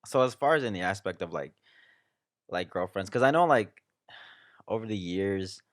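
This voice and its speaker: A young man co-hosting a relaxed podcast who rambles through his thoughts, restarting and repeating words. His voice sits a little low. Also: moderate pace. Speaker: podcast co-host. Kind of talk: casual chat.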